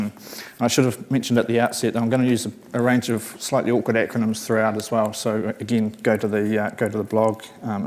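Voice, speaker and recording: A man's voice: medium pitch, darkish tone. A man with a broad New Zealand accent gives a conference talk, partly reading from notes, slightly nervous, hesitant and self-deprecating. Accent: broad New Zealand (Kiwi). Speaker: conference presenter reading a colleague's paper. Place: conference session room, speaking to an audience.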